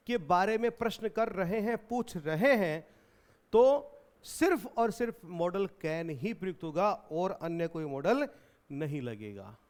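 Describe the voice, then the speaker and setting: This man from India has a high, clean-toned voice and teaches English grammar for exam prep, using Hindi. Along with explaining, he repeats his students' questions back to them.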